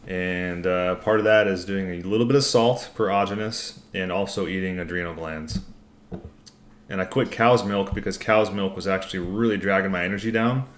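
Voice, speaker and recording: A low-voiced man speaks at a moderate pace while hosting a casual livestream Q&A. He reads out comments and answers them in a laid-back, informal, rambling way.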